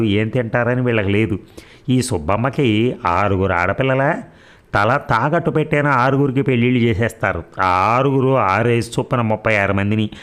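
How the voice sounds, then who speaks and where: A man voicing a short-tempered older male doctor who talks bluntly and loudly, scolding everyone around him. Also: mid-range voice, clear, resonant tone, lightly acted.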